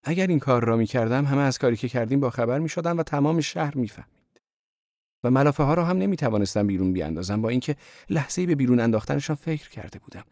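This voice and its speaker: Man doing a young woman, devout, anxious, pleading, raised pitch, storybook reading. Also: lively intonation, darkish tone, no room sound, clean studio sound, close to an everyday voice. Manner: pleading and emotional.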